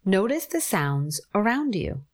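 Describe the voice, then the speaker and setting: A woman guiding a forest bathing meditation, giving calm, gentle instructions with long pauses. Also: mid-range voice. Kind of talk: guided meditation narration.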